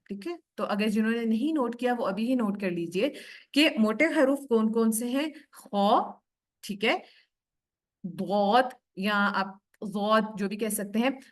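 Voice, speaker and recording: A woman teaching Quran recitation in a recorded online lesson. She explains patiently, asks questions and answers them herself, and slows right down to recite each example word carefully. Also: fairly high pitch. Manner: slows down sharply to recite Arabic words carefully.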